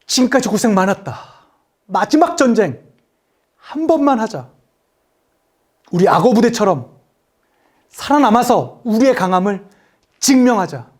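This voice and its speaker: A woman acting out a young male company commander giving a stern, slow rallying speech to his troops. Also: medium pitch, sing-song, a little mellow.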